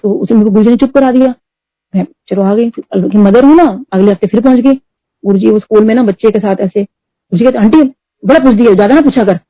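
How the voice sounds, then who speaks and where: A middle-aged woman telling a devotional story at a satsang, talking fast and mixing in English words. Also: medium pitch, mellow, no echo. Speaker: devotee sharing testimony. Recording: dull lo-fi dry recording.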